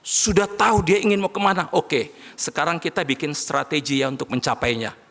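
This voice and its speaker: Brief: male pastor, sermon, gravelly bright voice, rises to shouts, long hall reverb. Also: on the high side, brisk. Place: large worship hall.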